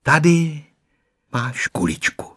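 A man voicing a small eager boy in a storybook reading, with a husky voice and a loud, boastful manner. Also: on the high side, very animated, pitched above the performer's own voice, full character voice. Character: small eager boy, proud of growing big. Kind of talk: storybook character voice.

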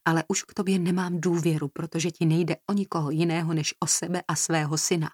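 A cutting, resentful woman whose anger spills into sharp, loud outbursts, as a female narrator reads her. The voice is lowish and sounds close and dry. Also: level tone, slightly rough, dry recording. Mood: quiet, cold. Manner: harsh, raises her voice in anger. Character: angry hostile woman, bitter and cutting.

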